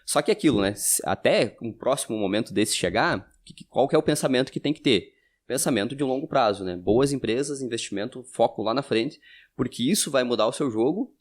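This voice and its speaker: A man's voice: medium pitch, lively intonation, fairly quick. A man in his thirties with a Brazilian Portuguese accent, co-hosting an investing podcast, affirming his partner and signing off to listeners. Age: 30s. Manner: affirming, wraps up with sign-off. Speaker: podcast co-host. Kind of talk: casual investing podcast chat.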